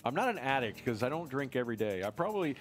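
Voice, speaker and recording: A man's voice: mid-range voice, sing-song, quick pace, faint music behind. A man in his forties hosting a casual live-stream chat from a small studio on a headset mic, joking as he reads product copy aloud. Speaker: show host. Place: small studio room with posters and string lights.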